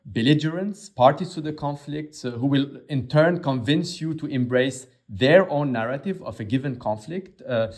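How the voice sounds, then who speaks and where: Answering an interview in a halting way full of filler sounds, the head of an aid agency, a man from Lebanon, speaks in a medium-pitched, slightly mellow voice.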